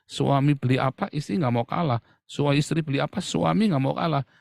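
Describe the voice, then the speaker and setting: A man's voice: a little high, a little fast, creaky, dry recording, clean studio sound. A middle-aged man preaching a sermon to his congregation, acting out playful mock quotes as he goes. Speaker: pastor.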